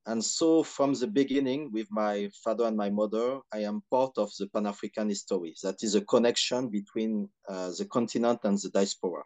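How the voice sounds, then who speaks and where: A man from Benin with a Beninese French accent gives reflective interview answers in measured, hesitant phrases with frequent pauses. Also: lowish voice, a little mellow. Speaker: podcast guest, historian and activist.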